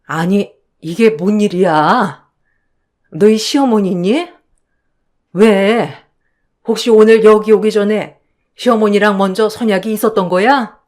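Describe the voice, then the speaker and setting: A woman voicing a gentle, anxious older mother who frets over her daughter in a radio story. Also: mid-range voice, unhurried, long pauses, natural voice.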